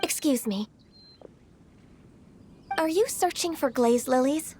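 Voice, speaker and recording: A woman playing a gentle, courteous and slightly absent-minded emissary in a video game, soft-mannered and earnest. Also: high voice, animated, slow pace, a little hiss or hum. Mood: friendly.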